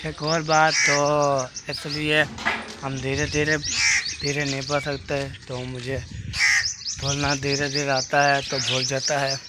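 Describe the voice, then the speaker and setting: A Pakistani man with a Pakistani accent, talking fast and rambling as he vlogs from his village. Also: medium pitch, monotone. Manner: fast, rambling, says he talks fast. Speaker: village vlogger. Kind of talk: casual vlog narration. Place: rural village outdoors. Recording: noisy outdoor recording, birds. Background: birds and outdoor ambience.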